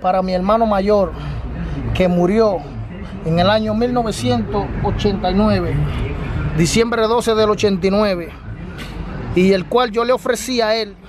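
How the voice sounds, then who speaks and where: A man with a very high voice and a Dominican Spanish accent speaks earnestly to the camera in a casual vlog, often repeating himself as he addresses his viewers. He is recorded outdoors on a city street, with traffic noise clearly audible behind him. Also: measured pace, pauses often. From Dominican Republic. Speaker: family channel host.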